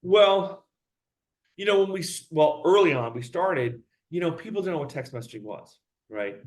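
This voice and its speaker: A man being interviewed as a company head, talking in an animated, fast way and acting out the voices of people in his stories. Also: a little high. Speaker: guest, company CEO.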